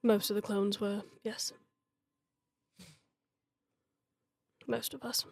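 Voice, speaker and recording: A woman voicing a hardened, bitter male clone soldier in a tabletop role-play, reaching for a gravelly voice that drops to whispers. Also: little pitch movement, normal speed, darkish tone. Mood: accusing. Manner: tries a gravelly low voice, slips into whispers.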